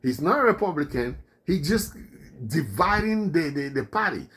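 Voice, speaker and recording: Husky man ranting with lively pitch. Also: moderate pace. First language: not English. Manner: indignant, animated, repeats his points. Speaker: political commentary vlogger. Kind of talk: ranting political commentary.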